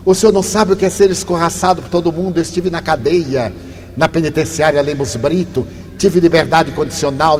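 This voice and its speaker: A man's voice: a little high, a little mellow, natural voice. An older man voicing a blunt young male street robber in a retold story, in an echoey hall. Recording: echoey hall, faint noise.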